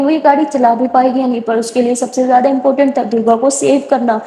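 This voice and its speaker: A woman's voice: high voice, mellow. A woman narrating a romance story in a chatty, casual retelling with many fillers. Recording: roomy echo.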